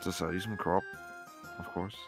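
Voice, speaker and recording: Man playing a cagey, low-voiced farm boy. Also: fairly even intonation, normal speed, faint music behind, lightly acted. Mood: eager. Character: cagey seventeen-year-old farm boy selling crops.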